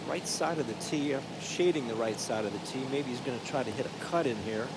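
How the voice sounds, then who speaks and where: A man's voice: medium pitch, fast. A man giving live golf commentary in clipped, descriptive phrases, with outdoor noise around him. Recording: clear outdoor ambient noise.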